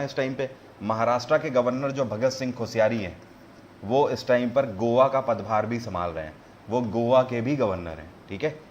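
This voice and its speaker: A man teaching a live online quiz lesson, his voice sitting at an ordinary middle pitch. He reads each question out slowly, then explains it and urges viewers to answer. A faint hum of background noise runs under his voice. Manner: mixes English terms into Hindi explanation.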